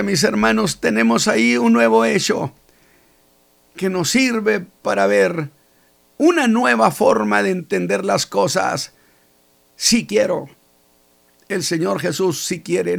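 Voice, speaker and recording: A man preaching a sermon and swinging from hushed asides to loud proclamations. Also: high voice, vocal fry.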